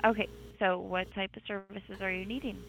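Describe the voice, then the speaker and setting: A woman's voice: mid-range voice, level tone, normal speed, vocal fry, slight background noise. A woman working as a receptionist who answers a business phone call, polite, patient and apologetic. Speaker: customer service receptionist. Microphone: phone line.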